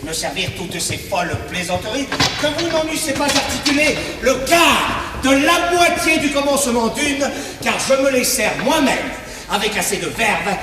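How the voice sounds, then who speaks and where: A man's voice: extremely high pitch, animated, moderate pace, loud music behind the voice. An actor playing a proud, witty swordsman, declaiming verse on stage in a hammy, exaggerated manner. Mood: scornful, proud. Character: proud, witty, swaggering swordsman mocking an insult to his big nose. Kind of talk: theatrical verse stage monologue. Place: theatre stage, recorded from afar. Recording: echoey hall, distant mic, noisy stage recording.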